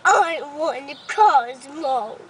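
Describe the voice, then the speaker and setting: A woman's voice: sits high, expressive, drawn-out words, heavily acted. A woman playing a cheeky young daughter learning to drive in a comic wedding toast skit, recorded from a distance with noise. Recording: distant, noisy live event sound.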